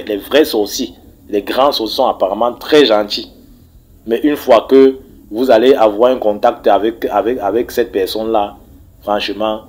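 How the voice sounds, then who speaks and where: Low husky Cameroonian man urging prayer. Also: darkish tone, poor audio. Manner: preachy, repeats words, urges prayer. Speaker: story contributor. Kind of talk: recorded voice message telling a mystical story.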